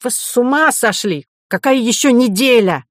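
A woman voicing a petty, suspicious old male professor who speaks in a shrill, whiny tone like an offended child. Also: sing-song, moderate pace, dry recording, clean studio sound, lightly acted. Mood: peevish.

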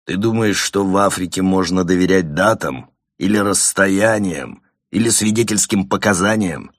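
A man voicing a blustering, domineering old father who mocks his son and bursts into shouting. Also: deep voice, moderate pace, dry recording, clean studio sound. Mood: scornful. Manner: sarcastic, explodes into shouting.

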